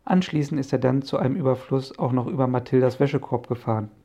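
Guy doing a chatty old uncle, gravelly dark voice, jolly storyteller. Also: mid-range voice, fast talker, lightly acted. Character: jovial older uncle, junkyard tinkerer. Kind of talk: audiobook character voice.

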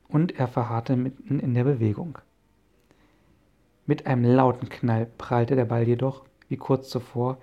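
A man narrating a children's detective audiobook in a steady storytelling manner. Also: mid-range voice, slightly rough. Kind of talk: scripted narration.

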